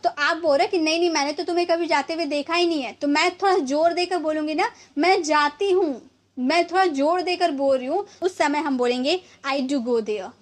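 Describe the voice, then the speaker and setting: A woman with a Hindi accent teaches an English grammar lesson in a high voice. She explains patiently and says each example sentence twice, slowly.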